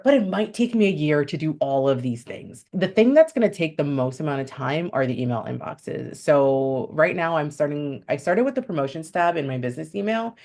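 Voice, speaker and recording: A young woman vlogging casually to camera, chatty and animated, with lots of "like" and swooping emphasis. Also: deep voice.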